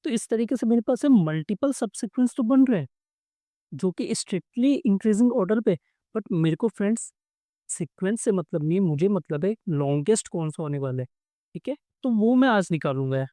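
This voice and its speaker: A man's voice: high-pitched, animated, fairly quick, dark tone, no room sound, clean studio sound. A man teaching a coding problem in a casual, chatty way, talking to viewers as friends and acting out small back-and-forth dialogues. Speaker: coding tutorial instructor. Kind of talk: casual explanatory lesson.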